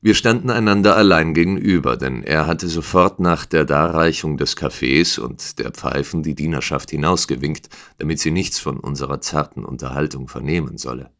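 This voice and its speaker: A man narrating a classic novel in the first person, in a measured, dramatic storytelling manner. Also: very deep voice, creaky, fairly bright tone. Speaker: audiobook narrator.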